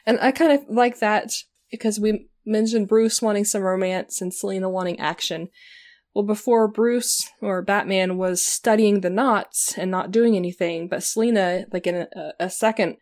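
A woman's voice: mid-range voice, moderate pace, a little mellow. Giggly chatty woman co-host. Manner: chatty, giggly, self-interrupting. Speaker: podcast co-host. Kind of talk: casual discussion and reading aloud.

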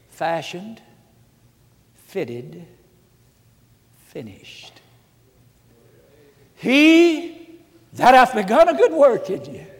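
A man, preaching a folksy storytelling sermon that swings from hushed asides to loud shouts. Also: fairly high pitch. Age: 70s. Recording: reverberant hall.

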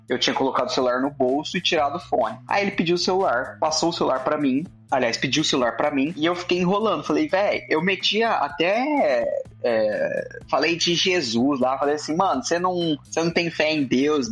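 A young man casually telling a story in lively slang, acting out the other people's lines. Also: mid-range voice. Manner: animated slangy storytelling, acts out voices. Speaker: storyteller guest.

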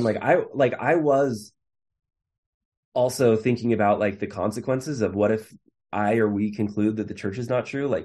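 Mellow-voiced man telling his story. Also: on the low side. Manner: casual, many fillers and restarts. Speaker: interview guest. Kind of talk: conversational storytelling.

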